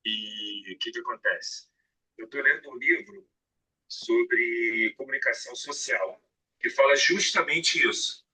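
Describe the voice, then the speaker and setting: A man's voice: mid-range voice, a little slow, bright, forceful tone, breathy edge, distant mic, poor audio. A Brazilian man joining an online mentoring session as a guest and speaking in a friendly, chatty way. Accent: Brazilian Portuguese. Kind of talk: casual remarks on a call.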